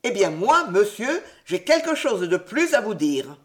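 A woman's voice: medium pitch, big pitch swings, unhurried. A woman voicing a strict male schoolmaster who speaks harshly and commands the class. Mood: stern.

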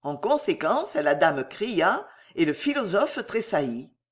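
A woman narrating a classic novel aloud in an expressive, theatrical reading. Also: on the low side, slow pace. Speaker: audiobook narrator.

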